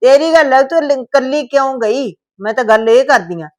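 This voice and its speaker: A woman's voice: high-pitched, moderate pace, darkish tone, natural voice. An actress with a Punjabi accent playing a stern, suspicious older mother-in-law who scolds and lectures, in a village short-film drama. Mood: scolding.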